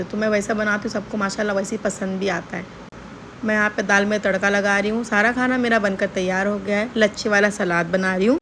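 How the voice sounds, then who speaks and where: A woman's voice: medium pitch, a bit bright, a little hiss or hum. A young woman chatting to viewers in a casual home vlog, recorded indoors. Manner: chatty, addresses viewers directly. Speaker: vlogger.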